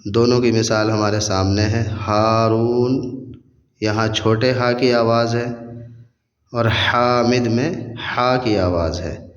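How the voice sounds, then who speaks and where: A man teaching the sounds of English letters, pausing to stretch out every example word. His voice is mid-pitched and carries a long, roomy reverb. The audio is dull and slightly muffled. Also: steady tone. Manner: slow, stretched example words.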